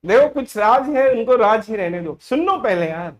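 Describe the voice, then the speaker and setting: A man's voice: sits high, expressive, normal speed. A man teaching a math class who keeps telling the students to stop commenting and listen, moving between Hindi and English in a casual, teasing way. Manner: keeps hushing the class and asking them to listen; switches between Hindi and English mid-lesson. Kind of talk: classroom lecture.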